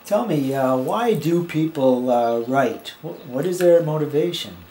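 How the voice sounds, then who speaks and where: A man's voice: on the high side, animated, unhurried, dark tone. A man hosting an interview, welcoming the guest and asking short polite questions. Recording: echoey room with faint noise.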